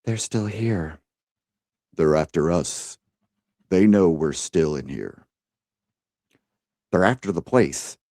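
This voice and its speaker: A man reading aloud as a grim man survivor under siege, grave and measured in a dramatic reading of film lines. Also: sits low, expressive, a little mellow, dry recording, studio quality, exaggerated voice.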